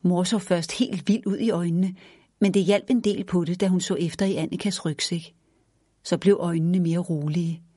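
Low, husky woman reading a storybook. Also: no room sound, studio quality. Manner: gentle, even read-aloud storytelling. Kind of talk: children's storybook narration.

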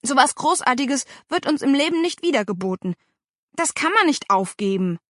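A woman's voice: high voice, big pitch swings, normal speed, dry recording, studio quality, voice pushed up. A woman voicing a joking teenage boy, an older brother who teases his sister, in an audiobook. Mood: teasing. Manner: teasing.

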